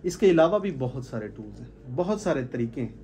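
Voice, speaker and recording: A man's voice: mid-range voice, very animated, a little fast, dark tone, slight background noise. A man gives an informal sales talk to a small group, stressing points by repeating phrases. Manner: emphatic, repeats phrases for stress, gestures while talking. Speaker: sales trainer. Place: indoor room with curtains.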